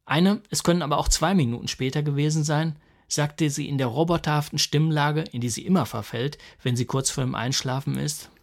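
A man's voice: a little high, a little fast, gravelly. A man reading a humorous first-person story aloud in a dry, wry manner. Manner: dry, wry comic narration. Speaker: narrator.

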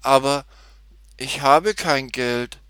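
Male narrator doing a bright, excitable little girl for a storybook; high, bouncy, chirpy. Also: measured pace, dry recording, studio quality, exaggerated voice. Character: cheerful little girl Tutti. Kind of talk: storybook reading.

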